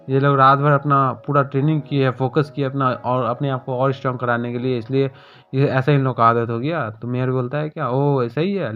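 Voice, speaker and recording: A man retelling a manhua story in casual, colloquial speech, briefly voicing the characters' lines. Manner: colloquial, voices characters' lines with shifts in pitch. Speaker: manhua recap narrator. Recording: dull lo-fi voice-over with faint music.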